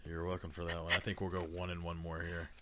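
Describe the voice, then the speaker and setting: A man co-hosting a podcast in casual chat, reading out dad jokes and laughing loudly at his own puns. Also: deep voice, completely flat delivery, fast, very noisy. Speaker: podcast co-host.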